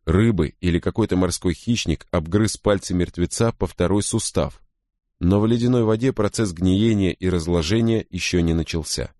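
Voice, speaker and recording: A man reading a first-person story as an audiobook narrator, in a steady, grave way. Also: low voice, moderate pace, no room sound, studio quality.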